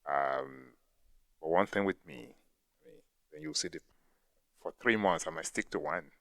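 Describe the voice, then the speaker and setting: A man's voice: sits low, expressive, moderate pace, vocal fry, sharp tone, dry recording, clean studio sound. A man hosting a podcast, chatting casually in an easygoing way with rambling asides. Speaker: podcast host. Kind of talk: casual chat.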